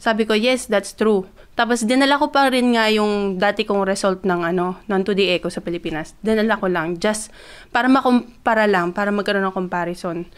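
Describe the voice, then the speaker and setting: A woman's voice: medium pitch, fairly quick, smooth. A young woman from the Philippines, telling a personal story in a casual vlog and mixing Tagalog and English with lots of fillers. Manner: grows excited as she retells. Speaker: vlogger.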